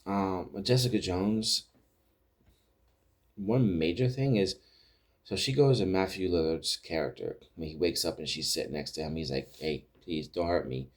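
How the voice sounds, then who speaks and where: Male podcast host, very low voice, loose rambling episode recap. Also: moderate pace. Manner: rambling retelling with many restarts and quoted lines. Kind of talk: casual recap chat.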